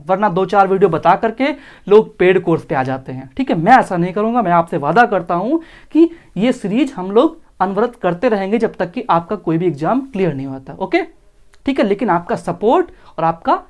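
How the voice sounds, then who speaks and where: A male maths teacher giving an online exam-prep lesson, explaining slowly step by step and often asking whether his students follow. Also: sits high.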